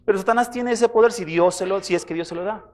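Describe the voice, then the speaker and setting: Male pastor, lighter high voice, chatty preaching style. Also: quick pace. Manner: conversational preaching, addresses listeners as brothers. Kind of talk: sermon.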